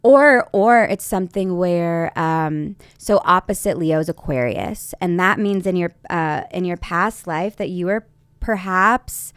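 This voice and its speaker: A woman's voice: fairly low pitch, measured pace, clear, resonant tone, no room sound. Upbeat woman astrologer host, dry sound. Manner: bubbly, upbeat, filler-heavy. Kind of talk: casual interview chat.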